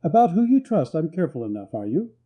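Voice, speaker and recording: A man's voice: on the high side, very animated, fast talker, mellow, voice pushed up. A man voicing a lonely mountain man who talks in terse, guarded lines.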